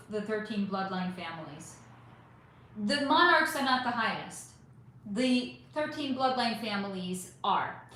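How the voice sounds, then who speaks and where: On a casual live stream, a woman whose voice sits slightly high and fairly bright reads out her chat as a psychic channel host, rambling, emphatic, and cursing every so often. Her voice is going hoarse, and the recording is swamped by heavy echo from the room.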